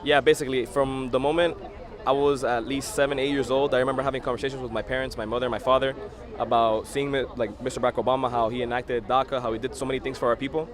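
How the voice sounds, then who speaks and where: An eighteen-year-old man from Miami talks earnestly and quickly, dotting his answers with "like" fillers. His pitch is average for a man. He is interviewed outdoors at an election event. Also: little pitch movement, crowd noise. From Miami, Florida. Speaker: college student and first-time voter. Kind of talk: street interview.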